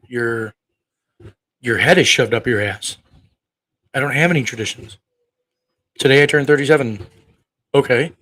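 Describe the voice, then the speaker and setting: His mid-range voice comes across pushed and bright on a low-quality recording as this online preacher in his thirties battles his livestream chat with profanity and rhetorical questions.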